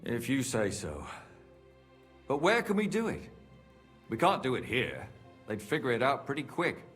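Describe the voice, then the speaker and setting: A man's voice: mid-range voice, wildly swooping pitch, normal speed, fairly bright tone. A worried conspirator in a period game. His voice is blunt and sceptical, rising and falling widely, with faint music beneath. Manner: doubtful, blunt. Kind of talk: video game dialogue acting.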